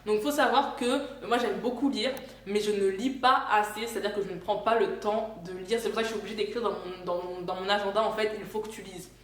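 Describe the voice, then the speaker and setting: A woman's voice: mid-range voice, fairly even intonation, brisk, few pauses. Chatty young woman in an echoey room. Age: 20s. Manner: chatty, self-correcting, with fillers. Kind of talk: casual chat to camera. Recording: echoey room with faint background noise.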